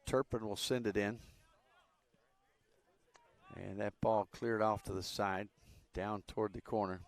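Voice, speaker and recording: A man with a fairly low voice calls a soccer match live. His delivery is relaxed and conversational, with plenty of fillers between the plays. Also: unhurried. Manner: relaxed, chatty, with frequent fillers. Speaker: play-by-play commentator.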